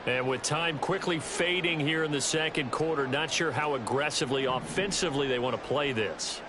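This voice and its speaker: A man's voice: fairly high pitch, normal speed, noisy background, natural voice. An American man giving play-by-play football commentary in a video game.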